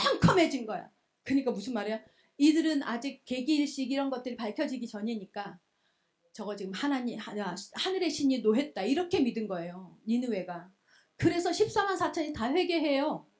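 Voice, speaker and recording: High-voiced woman preaching a lively sermon. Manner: lively storytelling with many rhetorical questions. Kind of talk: sermon to young adults. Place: church hall.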